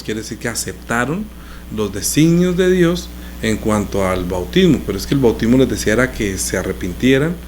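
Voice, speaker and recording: A man's voice: medium pitch, a little hiss or hum. A male pastor teaching a sermon in a conversational way, explaining scripture with everyday examples.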